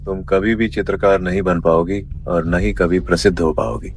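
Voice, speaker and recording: A man's voice: deep voice, fairly even intonation, moderate pace, soft background music. A man voicing the bully's shameless younger brother, brash and mocking in a dubbed drama. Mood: taunting.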